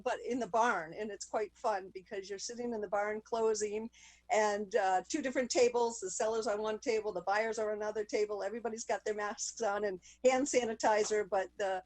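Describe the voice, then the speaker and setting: A woman's voice: mid-range voice, no echo. A woman with a mid-range voice talks in a casual interview manner. She sounds like a working real estate agent on a video call, with very little room sound around her.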